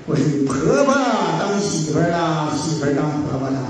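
Northeastern mandarin guy preaching a folksy story sermon, high lively voice, big echoey hall, mic kinda far off. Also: brisk. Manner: animated, acts out dialogue in a broad folksy way. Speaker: moral teacher lecturing at a forum. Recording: very echoey hall, distant mic, faint hiss.

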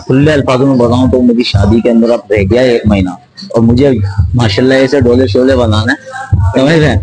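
A man's voice: medium pitch, brisk, music in the background, rough recording. A young man hosting a prank video, talking in a pushy, insistent, casual way in a large indoor gym. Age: young adult. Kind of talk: hidden-camera prank banter.

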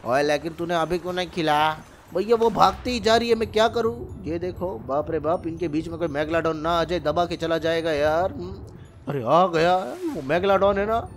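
A male gaming YouTuber giving playful, excitable let's-play commentary and chattering to the animals in his game. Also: on the high side, normal speed, a little hiss or hum.

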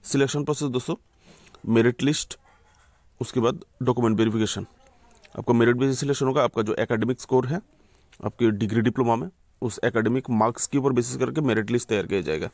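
A man's voice: mid-range voice, quick pace, a little mellow, no echo. Informal man explaining forms, dry sound. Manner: informal, repeatedly addresses viewers as friends, corrects himself. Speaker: YouTube channel host. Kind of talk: voice-over explaining a job notification on screen.

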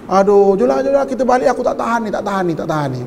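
A man's voice: high-pitched, animated, gravelly, darkish tone, big-room sound, slight background noise. A man voicing a cranky young man who has been stung and keeps complaining and pleading. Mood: whiny, angry. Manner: complaining, pleading, quick-tempered.

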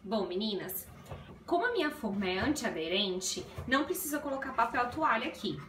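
Cooking in her small tiled kitchen at home, a young female vlogger chats with her audience and explains each stage of a recipe. She speaks at a moderate pace in a fairly high voice that swings widely in pitch. The audio comes from a distant phone mic on a tripod in an echoey room with music playing behind her.

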